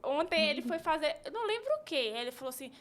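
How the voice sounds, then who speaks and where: High-voiced woman. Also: fast talker, crowd noise. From Brazil. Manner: animated storyteller, acts out family voices. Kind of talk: casual podcast chat.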